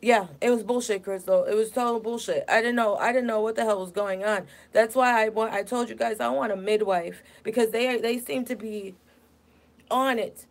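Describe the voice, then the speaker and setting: A woman's voice: a little high, fairly even intonation, moderate pace. A woman in her thirties venting indignantly on a casual livestream, upset and near tears. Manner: indignant, venting, reads chat aloud. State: upset, tearful. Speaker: vlogger.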